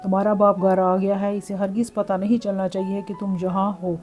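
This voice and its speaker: A woman's voice: mid-range voice, little pitch movement, darkish tone, faint music behind, close to an everyday voice. A woman reading as a scolding strict mother. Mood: angry. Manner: scolding, harsh. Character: angry strict middle-aged mother.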